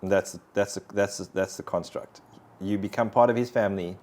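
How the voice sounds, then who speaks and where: A man's voice: fairly low pitch, fairly even intonation, moderate pace, darkish tone. A man, sharing his personal faith story in an interview in an earnest, reflective way. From South Africa. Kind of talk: conversational personal testimony.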